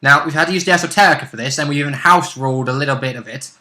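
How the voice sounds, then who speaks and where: Very fast and forceful, this man's bright voice sits at a fairly high pitch. He co-hosts and plays in a tabletop role-play series, rambling informally and speculatively while explaining rules and characters in a casual chat.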